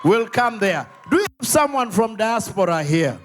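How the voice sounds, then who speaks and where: A man's voice: high-pitched, sing-song, moderate pace. A man with a Kenyan accent hosting a live comedy show, calling out playfully to audience members in a noisy venue. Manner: loud, playful, calling out to the crowd. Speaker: host working the audience.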